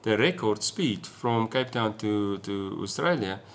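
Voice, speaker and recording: A man's voice: on the low side, animated, unhurried. Man with an Afrikaans South African accent. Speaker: sailing vlogger. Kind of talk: casual explanatory chat to camera. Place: small room at home, indoors.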